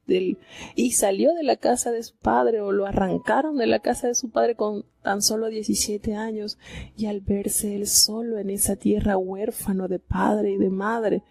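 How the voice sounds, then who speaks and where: A woman's voice: medium pitch, steady tone, a little slow, vocal fry, darkish tone, no echo. A woman from Venezuela, giving heartfelt devotional Bible commentary and often asking her listeners "¿verdad?".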